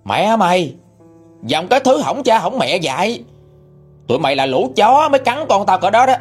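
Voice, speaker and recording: A man voicing a loud-mouthed, abusive middle-aged mother, screaming insults. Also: high-pitched, big pitch swings, moderate pace, slightly rough, faint music behind, pitched above the performer's own voice, heavily acted. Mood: furious.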